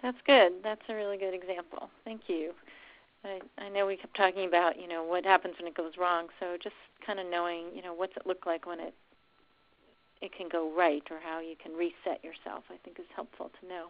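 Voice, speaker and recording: A woman with a slightly low voice hosts a call over a dull, lo-fi line. She speaks in a gracious, measured way, with occasional ums and uhs. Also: level tone. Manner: gracious, measured wrap-up with fillers. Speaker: host of a monthly call series. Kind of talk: hosting a call.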